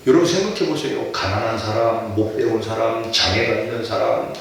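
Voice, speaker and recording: A middle-aged man from Chungcheong preaching a sermon, animated and firing rhetorical questions at the congregation. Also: fairly low pitch, brisk, creaky, a little hiss or hum. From Chungcheong, Korea. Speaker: pastor. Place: church sanctuary. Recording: echoey church hall, distant mic.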